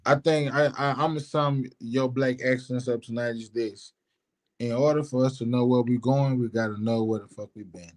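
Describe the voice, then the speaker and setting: A man's voice: medium pitch, fairly even intonation, normal speed, a little mellow. A man co-hosting a podcast, talking passionately and with plenty of profanity, filling his lines with "man" and "bruh". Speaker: podcast co-host. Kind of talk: casual podcast chat.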